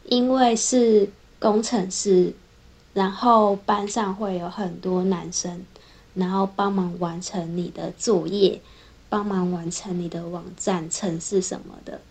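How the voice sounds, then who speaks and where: A woman's voice: medium pitch, steady tone, measured pace, a little mellow. Chatty young woman engineer. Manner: chatty, strings thoughts together with frequent "then". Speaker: software engineer. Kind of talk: casual personal vlog storytelling.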